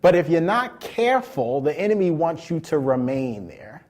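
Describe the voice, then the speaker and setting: Emphatic male preacher with a higher voice. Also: very animated, darkish tone. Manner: emphatic, drawn-out stresses on key words; restarts and repeats words. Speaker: pastor. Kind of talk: sermon teaching.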